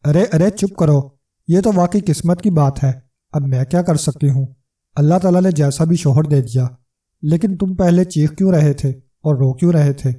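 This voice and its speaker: A man's voice: on the high side, dark tone, distant mic, close to an everyday voice. A man voicing a huge, domineering wife who snarls and bosses her husband, in a storybook reading. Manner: bossy and snarling.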